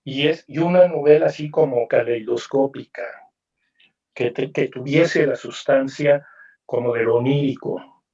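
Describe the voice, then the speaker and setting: A man's voice: mid-range voice, fairly even intonation, unhurried, darkish tone, recorded from a distance, highs cut off. A man speaking as a novelist at a literary panel, in a reflective, musing way with frequent tag questions. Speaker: novelist guest presenting his book. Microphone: video call.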